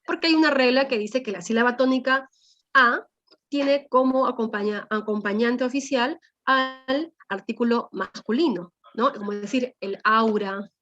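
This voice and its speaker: A woman's voice: fairly high pitch, sharp tone. A woman teacher, explaining a language lesson to her class and often checking in with her students through tag questions. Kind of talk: class lecture. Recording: dull lo-fi sound.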